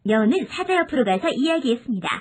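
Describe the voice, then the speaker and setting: A woman narrating children's fables in a lively, expressive storyteller manner. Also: high-pitched, fast talker.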